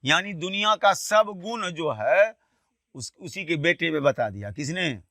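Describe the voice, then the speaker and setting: A man teaching a class, retelling a textbook story in a colloquial way and repeatedly asking quick questions that he answers himself. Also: fairly high pitch, animated, sharp tone, dry recording. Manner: poses quiz questions and answers them himself.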